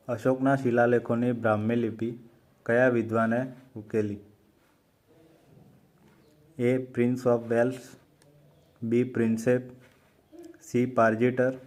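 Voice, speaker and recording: A man with a Gujarati accent hosts an exam-prep quiz, reading the questions and answers in a steady, unchanging tone at mid pitch. He goes through each option slowly and with care.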